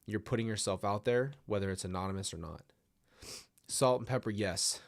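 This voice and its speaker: This livestream host, a little nasal from a stuffy nose, rambles apologetically through casual chat and viewer stories, restarting frequently. His lowish voice carries vocal fry at normal speed.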